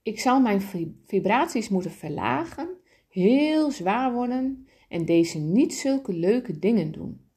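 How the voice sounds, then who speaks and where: A woman's voice: medium pitch, animated, slow pace, breathy edge, voice pushed up, heavily acted. A woman voicing a kind, wise soul. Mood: gentle. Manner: gentle, patient explaining.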